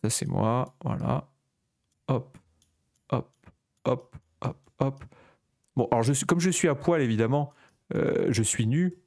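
A man's voice: mid-range voice, slow pace, long pauses, a little mellow. A French man with a Parisian-region accent, riffing playfully as a comedy panel judge with exaggerated storytelling. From France. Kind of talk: comedic casual commentary.

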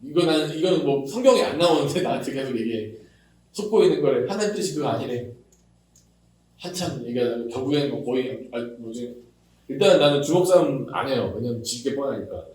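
A man preaching a casual sermon to young adults, animated, acting out quoted voices with chatty asides. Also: mid-range voice, a little fast, distant mic. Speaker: pastor. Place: church worship hall. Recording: roomy echo, speaker away from mic.

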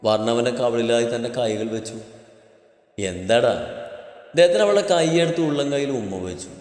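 A man reading a scripted story aloud as storyteller, at an even, steady pace. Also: medium pitch, fast talker. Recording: reverberant room with background music.

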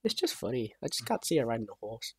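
A young man chatting casually with a friend while gaming, with a husky voice and dry, rambling humor. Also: mid-range voice, big pitch swings, fast, a little mellow, no echo. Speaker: co-host.

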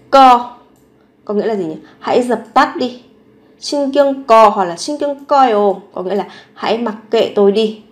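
Higher-voiced woman teaching slow phrases. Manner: repeats each phrase slowly, then explains it. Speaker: Korean language teacher. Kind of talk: Korean lesson explained in Vietnamese.

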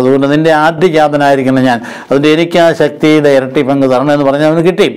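Older man, priest, earnest sermon, somewhat high voice, clear resonant tone, lapel mic. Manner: earnest, retells scripture stories with quoted dialogue. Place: studio set with red curtains, indoors.

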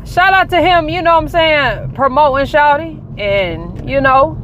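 A woman's voice: high voice, expressive, measured pace, a bit bright, slight background noise. A woman in her thirties doing casual reaction commentary from inside a car, talking bluntly and joking around on a lapel mic. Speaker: reaction vlogger. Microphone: clip-on lapel mic.

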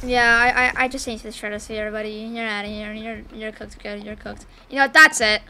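A woman's voice: a little high, fairly even intonation, bright, forceful tone, a little hiss or hum. A woman commentating her own gameplay in a casual way, teasing and trash-talking her opponent, often stumbling over and restarting her words. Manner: playful trash talk, halting restarts. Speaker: gamer. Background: background music.

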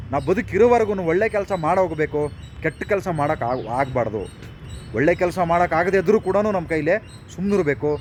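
Male commentator, rapid-fire rhetorical ranting, raised pitch, faint street traffic behind. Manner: rhetorical questions, repeated phrases. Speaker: political commentator. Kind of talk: impassioned monologue.

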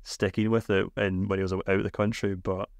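Low-pitched man with a broad Scottish accent. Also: flat delivery, a little fast, no echo, clean studio sound. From Scotland. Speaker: podcast host. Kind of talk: casual football podcast chat.

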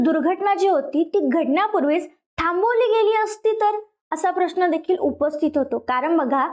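A woman with a Marathi accent presenting a news explainer, walking viewers through events and speaking to them directly. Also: sits high.

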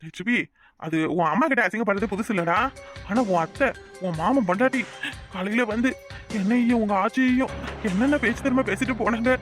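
A woman with a slightly high voice, close to how she'd normally talk, plays a drunken village father in a cartoon family drama while soft music runs underneath. She's a voice actor, and her delivery is rapid and nagging, scolding and self-pitying in a pleading mood.

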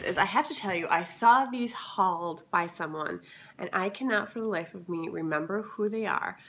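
A woman's voice: mid-range voice, fairly bright tone. A woman vlogger with a scratchy voice, chatting enthusiastically through a haul video. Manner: chatty and enthusiastic, many fillers.

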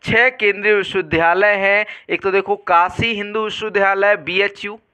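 A man's voice: high voice, steady tone, moderate pace, pushed and bright, clear, resonant tone. A man teaching an exam-prep lesson, quizzing students and repeating each question and answer back to them.

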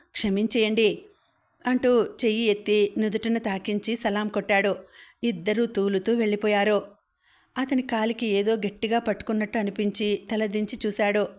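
Woman reading a novel, flat steady voice. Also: mid-range voice. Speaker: audiobook narrator. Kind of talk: scripted narration of a novel.

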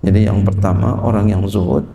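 A man's voice: fairly low pitch, fairly even intonation, brisk, warm tone, roomy sound. A man teaching an Islamic religious text, reading and translating Arabic lines, speaking casually and jokingly with repetitive lists and slang.

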